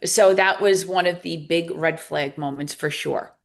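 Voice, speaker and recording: A woman's voice: on the low side, a little slow, creaky. A woman, a guest telling her own story in a podcast interview and acting out both sides of old arguments. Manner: candid, acts out both sides of past conversations. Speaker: guest author and recovery coach.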